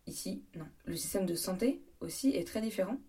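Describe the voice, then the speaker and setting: A woman's voice: lowish voice, lively intonation, a little fast, mellow, husky, recorded from a distance. A woman from France hosting a solo travel podcast, talking in a chatty, wry way with joking asides. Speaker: podcast host.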